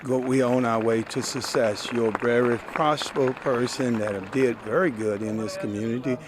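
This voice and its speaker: A man's voice: medium pitch, steady tone, normal speed. An older man, a community guest, speaking outdoors in a plainspoken, appreciative way. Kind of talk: outdoor event interview. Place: outdoors at a city event. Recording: crowd noise behind. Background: crowd.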